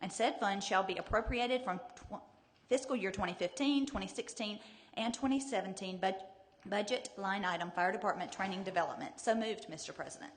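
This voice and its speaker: A woman's voice: mid-range voice, brisk. Woman reading in echoing hall. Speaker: city councilor. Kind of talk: formal reading of a resolution. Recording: reverberant meeting hall.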